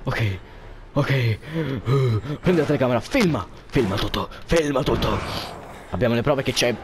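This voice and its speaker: An Italian-speaking gameplay commentator, with a mid-range voice and normal speed, talks viewers through a horror game in an animated way. He's jumpy and joking and swears often at whatever scares him, with noise in the background.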